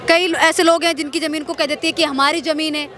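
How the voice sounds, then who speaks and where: High-voiced woman reporter pressing questions. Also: flat delivery, fast talker, sharp tone. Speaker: street reporter. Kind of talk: street interview questioning. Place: outdoors on a city street. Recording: street crowd behind.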